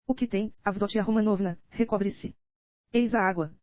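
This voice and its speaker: In a dry recording, a woman of medium pitch and normal speed voices a scheming older nobleman for an audiobook. She's Brazilian with a Brazilian Portuguese accent, reads steadily in her natural voice with light acting, and sounds pleading and insistent yet a bit dull and dry.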